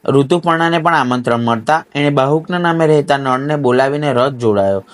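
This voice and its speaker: Man reciting a devotional tale. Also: a little fast. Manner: steady recited storytelling, raising pitch for quoted speech. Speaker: storyteller. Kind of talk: devotional story narration.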